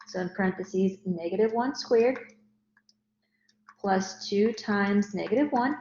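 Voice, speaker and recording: A woman's voice: medium pitch, dark tone. A woman teaching math in a recorded lecture, explaining each step. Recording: roomy, dull lo-fi recording.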